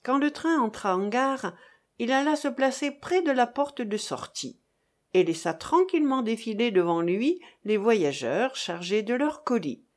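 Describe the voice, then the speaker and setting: Woman audiobook narrator, measured, expressive, lively pitch. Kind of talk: scripted narration.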